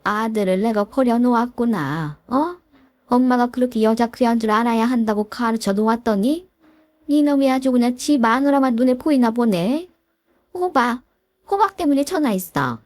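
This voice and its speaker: A woman's voice: on the high side, normal speed, a little mellow, no echo, voice pushed up, lightly acted. A woman voicing a domineering middle-aged mother-in-law who scolds and whines reproachfully. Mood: scolding.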